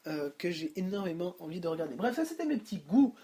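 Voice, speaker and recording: A man's voice: sits high, very animated, fast, mellow, slight background noise. A young man hosting a casual solo podcast, joking and rambling, often correcting himself mid-sentence. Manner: jokey, rambling, self-interrupting. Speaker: podcast host. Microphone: no headphones, home setup.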